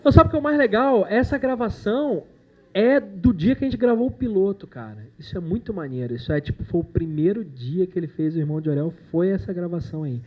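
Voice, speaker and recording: In a university lecture room, an animation producer gives students a casual, joking talk packed with slang and the occasional curse. He talks fast in a high, expressive voice, and the sound is lo-fi.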